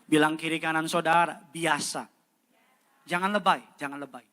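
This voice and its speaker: Male pastor, high and very bright voice, lively call-and-response preaching. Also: normal speed, long reverb tail. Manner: animated preaching that swings between loud exhortation and low asides. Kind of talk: sermon.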